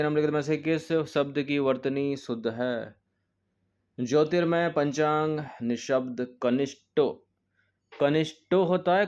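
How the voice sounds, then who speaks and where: A man's voice: mid-range voice, a little mellow, smooth, highs cut off. A male coaching teacher walking through an exam test paper, explaining each answer step by step and repeating key points. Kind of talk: test-paper walkthrough lesson.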